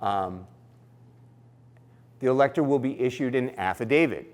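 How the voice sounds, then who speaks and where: A man's voice: mid-range voice, normal speed, a little mellow. A man giving a casual, explanatory training talk for poll workers, with fillers and restarts. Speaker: election trainer.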